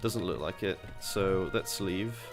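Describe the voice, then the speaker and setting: A man's voice: sits low, takes it slowly, music in the background. A young man giving casual, chatty commentary while playing a game, thinking aloud and swearing casually. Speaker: gaming video host.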